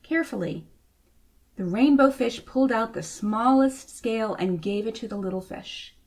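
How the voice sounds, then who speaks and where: High-voiced woman reading a children's story. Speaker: storybook reader. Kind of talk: expressive children's story narration.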